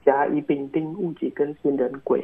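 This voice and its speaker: A man's voice: on the high side, fairly even intonation, normal speed. Man on a phone line. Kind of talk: casual explanatory chat.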